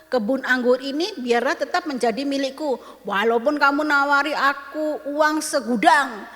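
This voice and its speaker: A woman's voice: high-pitched, normal speed, fairly bright tone, big-room sound. A woman voicing a stubborn male vineyard owner who firmly refuses to sell, in a Sunday school story. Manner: firm, refusing.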